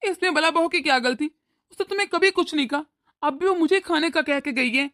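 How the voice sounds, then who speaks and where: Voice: sits high, brisk, pushed and bright, dry recording, clean studio sound. A voice actor playing a weary, peacemaking older father-in-law in a cartoon, pleading with his wife. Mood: soothing. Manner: pleading, soothing. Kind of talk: cartoon voice acting.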